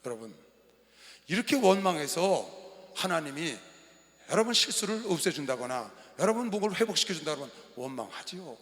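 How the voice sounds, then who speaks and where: A man preaching a sermon as pastor in a large arena, impassioned and often shouting. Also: a little high, big pitch swings, fairly quick. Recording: live arena sound with long reverb.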